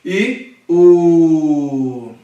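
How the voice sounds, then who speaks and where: Slow-talking Brazilian teacher in an echoey room. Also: male voice, fairly high pitch, warm tone, recorded from a distance, highs cut off. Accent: Brazilian Portuguese. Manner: patient, drills syllables aloud, checks with frequent "tá?". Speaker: Hebrew teacher. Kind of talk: classroom lesson. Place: classroom.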